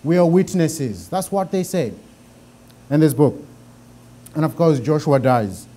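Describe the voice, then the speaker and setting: With lively intonation and a measured pace, a middle-aged man speaks in a dark tone and a deep Zimbabwean accent. He teaches a Bible class in a chatty way, repeating words often as he thinks.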